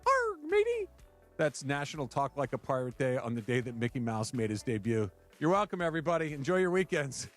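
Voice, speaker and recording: A man's voice: medium pitch, quick pace, few pauses, faint music behind. A man co-hosting a casual sports radio show, dry and wisecracking.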